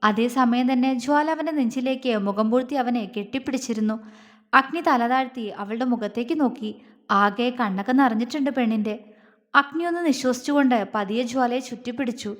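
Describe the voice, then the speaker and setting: A woman storyteller reading a romance serial in a soft, steady voice. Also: a little high, a little fast. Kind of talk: scripted romance narration. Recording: long hall reverb.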